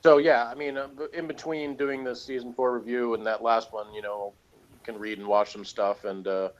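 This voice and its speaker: A man with a mid-range voice, steady tone and normal speed co-hosts a TV episode review show, chatting casually. He rambles and sounds opinionated and sardonic, and the audio is dull.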